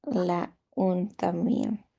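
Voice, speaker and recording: Woman, student, hesitant, soft dark voice, slow talker. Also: on the low side, steady tone, vocal fry, dry recording, lo-fi sound. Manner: hesitant, laughs at herself.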